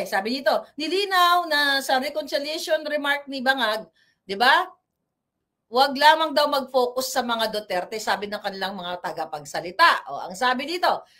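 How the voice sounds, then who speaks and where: Woman, Filipino political vlogger, high voice, bright tone, mocking, combative. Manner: mocking, combative, talks straight to viewers. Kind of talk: casual political commentary.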